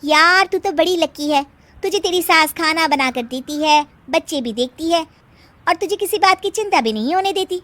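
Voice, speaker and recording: A woman's voice: extremely high pitch, expressive, moderate pace, fairly bright tone, voice pushed up. A woman voicing an envious, chatty young female office friend in a moral story, informal and frank.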